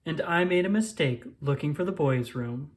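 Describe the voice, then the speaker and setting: Reading a children's storybook aloud, a narrator with a middling pitch voices a first-person child character. The delivery is very animated, with key phrases stretched out on purpose.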